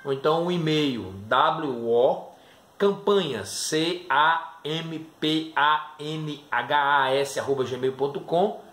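Speaking slowly in a slightly high, fairly bright voice, a middle-aged herbal tea seller pitches his product casually to camera, presenting testimonials. He's in a small, dim room indoors, and the audio has roomy echo and faint background noise.

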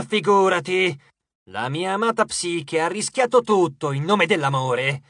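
A mocking, cruel god of love speaks slowly and deliberately, as a male audiobook narrator puts him on. Each word is stretched out and pressed forward with a loud, taunting weight. The voice sits fairly high for a man. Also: no room sound, clean studio sound, exaggerated voice. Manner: slow, drawn-out, taunting delivery.

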